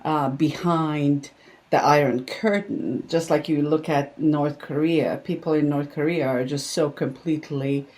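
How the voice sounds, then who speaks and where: A woman's voice: low voice, fairly even intonation, measured pace. Older woman with a Hungarian accent. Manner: warm, reflective storytelling with a laugh. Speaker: guest. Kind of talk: podcast interview.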